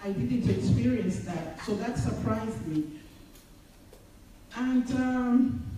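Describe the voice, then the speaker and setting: Woman from Zambia, panel speaker, hesitant and measured, heard from far back in a booming hotel hall, faint room hum. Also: warm tone. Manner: measured, hesitant with many fillers. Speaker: panel speaker at a women's forum. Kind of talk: public speech at an event. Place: large hotel function room with a seated audience. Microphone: far phone camera in the audience.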